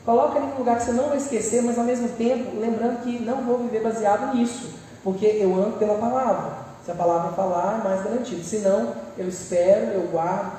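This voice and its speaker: Woman preacher, Brazilian accent, dark mellow tone, heard from far off in a ringing hall, lively, acts out prayers. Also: a little high, quick pace, few pauses, a little hiss or hum. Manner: lively, acts out quoted prayers with humorous asides. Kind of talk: church sermon. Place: large church hall. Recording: echoey church hall, mic far off.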